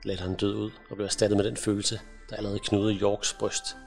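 A man narrating a fantasy audiobook in a measured, dramatic storytelling manner. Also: lowish voice, flat delivery, soft background music.

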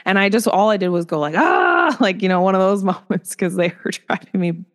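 A woman's voice: mid-range voice, steady tone, fast. A woman in her thirties, a podcast co-host, talking candidly in casual chat, laughing often and trailing off mid-thought.

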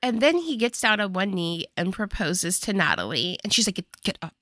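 A woman's voice: mid-range voice, sing-song, normal speed, a bit bright, no echo, studio quality. A woman casually recapping a movie plot with a friend, throwing in wry jokes.

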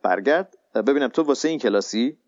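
A man playing an impatient, sarcastic group counselor in a radio sitcom, speaking brusquely with drawn-out hesitations. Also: mid-range voice, animated, darkish tone, dry recording, lightly acted. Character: bossy impatient male counselor, middle-aged. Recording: slightly muffled, dry recording.

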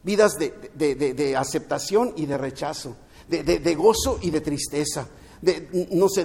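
A man's voice: fairly high pitch, a little mellow. A man preaching a sermon as pastor, earnest, often repeating words and restarting. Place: at home, streamed during lockdown. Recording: long hall reverb.

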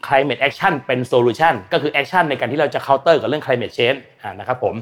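A man's voice: mid-range voice, moderate pace. A man talking as a guest expert on energy and climate in casual, blunt, slangy speech, acting out quoted voices. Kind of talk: casual explanatory talk.

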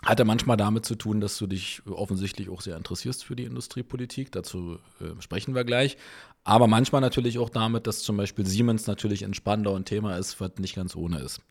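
Low-voiced man hosting an interview. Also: brisk, vocal fry. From Berlin. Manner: hesitant, many filler sounds. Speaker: podcast host. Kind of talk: casual interview chat.

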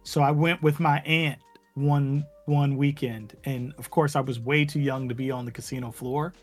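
A man's voice: mid-range voice, steady tone, normal speed, faint music behind. A man co-hosting a casual podcast chat, telling stories in a chatty way, full of "like" fillers. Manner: storytelling, chatty with many "like" fillers. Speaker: podcast co-host.

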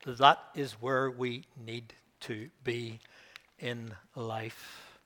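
An older man from Belfast with a Northern Irish accent preaches a sermon as a minister, reading scripture with rising emphasis and telling anecdotes punctuated by chuckling asides. His voice is medium in pitch and level in tone, with drawn-out words and a bright, forceful quality.

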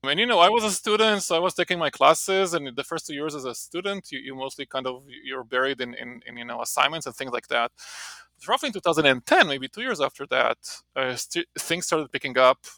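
A marketing professor in his forties, appearing as a guest, talks casually from his home office with an Israeli accent. His fairly high voice is expressive, brisk, bright and forceful, and he rambles with many restarts in this interview chat. The recording is dry.

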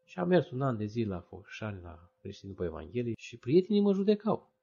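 A Romanian man telling his own conversion story as a testimony, acting out the voices of friends and others with sudden high, loud bursts. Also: very animated, creaky, slightly rough. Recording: dull lo-fi recording.

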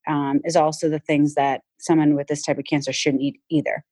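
A middle-aged woman with a Boston accent, chatting casually as a guest, full of fillers and lively retelling. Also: deep voice, a little fast, no room sound. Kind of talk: casual chat.

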